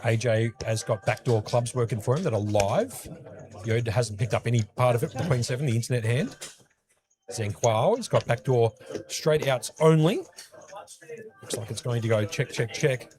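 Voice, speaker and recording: A man with an Australian accent giving brisk play-by-play commentary on a live poker tournament from a commentary booth. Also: mid-range voice, darkish tone. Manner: brisk play-by-play, matey banter.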